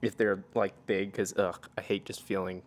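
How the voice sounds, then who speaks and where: A man's voice: low-pitched, little pitch movement, normal speed. A man co-hosting a podcast in casual chat, rambling and laughing often, swearing freely. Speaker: podcast co-host.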